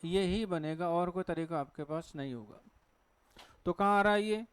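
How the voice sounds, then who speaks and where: Male teacher with a Hindi accent, high clear voice, dry sound, quizzing the class and answering himself. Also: normal speed, dry recording. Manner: asks the class questions and answers them himself. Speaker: English teacher. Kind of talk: classroom lecture on pronunciation. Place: classroom with a board.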